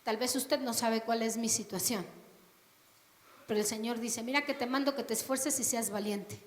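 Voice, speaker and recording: A woman preaching a sermon, questioning her congregation and reading scripture with loud emphatic rises. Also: fairly high pitch, fairly even intonation, moderate pace, slight background noise. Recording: echoey hall with long reverb.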